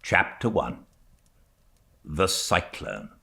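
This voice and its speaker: Slow, deep-voiced man telling a fireside story. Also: sing-song, gravelly, bright, forceful tone. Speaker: storyteller reading a children's novel aloud. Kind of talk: fireside storytelling, scripted narration.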